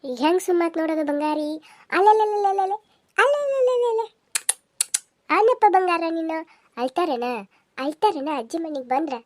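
A woman's voice: extremely high pitch, animated, brisk, darkish tone, a little hiss or hum. A woman voicing a fussing elderly village grandmother with a North Karnataka accent, cooing in singsong baby talk. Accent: North Karnataka Kannada. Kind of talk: cartoon voice acting.

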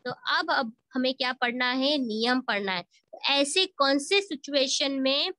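A woman's high, animated yet unhurried voice, pushed and bright with no room sound, comes through a video call recording. She's giving an online school lesson on Hindi grammar, posing questions and answering them herself, slipping in English words, and addressing her pupils as beta.

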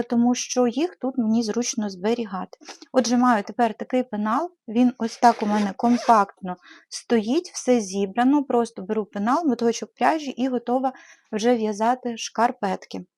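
Woman, from Ukraine, casual knitting vlog, chatty, many fillers, high-ish pitch. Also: normal speed, a little mellow, no room sound, studio quality. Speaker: knitting channel host. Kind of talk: casual show-and-tell vlog.

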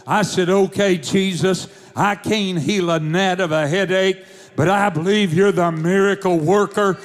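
A man's voice: high-pitched, steady tone, a little slow. A man preaching, telling a testimony in a fervent storytelling manner. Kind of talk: sermon testimony.

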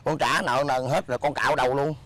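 An actor playing a scheming, bossy beggar husband in a comedy sketch, scolding in loud banter. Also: male voice, medium pitch, fairly even intonation, quick pace, natural voice. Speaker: comic actor.

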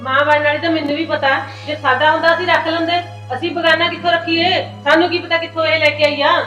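A woman's voice: very high-pitched, little pitch movement, fast, dull audio, faint music behind. An actress playing a domineering middle-aged mother-in-law who scolds her daughter-in-law in a family drama. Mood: cold. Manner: scolding, sharp, bossy. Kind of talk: short film drama.

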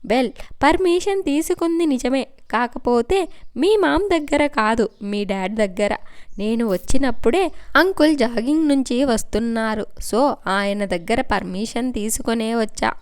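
A woman's voice: a little high, animated, measured pace, clean tone, no room sound, studio quality. A woman voicing a smug, threatening young man in a spoken story. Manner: teasing, then menacing.

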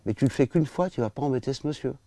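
Skeptical dad, firm and dry, voiced by an older man storyteller, dark tone. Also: mid-range voice, quick pace, no echo, close to an everyday voice. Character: stern middle-aged father, skeptical.

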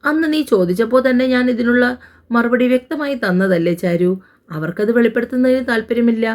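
A woman voicing a firm, brisk male senior doctor who teases his friend. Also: a little high, darkish tone, voice pushed up, natural voice.

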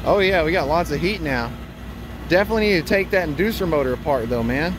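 A man's voice: fairly high pitch, animated, quick pace. A man in his thirties, an HVAC technician, casually talking viewers through a rooftop unit repair while he works. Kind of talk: casual on-the-job instruction. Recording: outdoor traffic noise behind.

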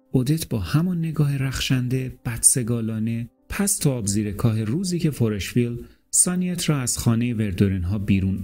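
A man narrates a literary audiobook in a calm, measured, deliberate reading. His voice is mellow and dark, sitting at an ordinary middle pitch. Faint music plays softly underneath.

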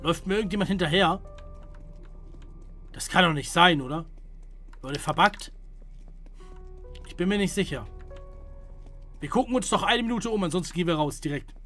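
A young man giving casual gameplay commentary to his viewers, jumping between hushed whispers and loud startled calls. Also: high voice, normal speed, long pauses, faint music behind. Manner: jumpy, hushed then loud, talks to viewers. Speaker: gaming streamer.

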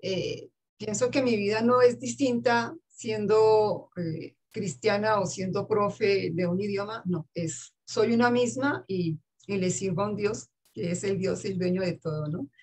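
A woman, an English teacher telling stories earnestly in a casual interview, with soft laughs. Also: mid-range voice, measured pace, husky.

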